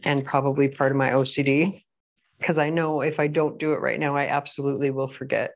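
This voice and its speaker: A woman's voice: a bass voice, flat delivery, fairly quick, dull audio. A woman giving a casual pick-a-card tarot reading at home, chatty and rambling, with frequent apologetic asides. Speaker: tarot reader. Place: at home with a pet bird.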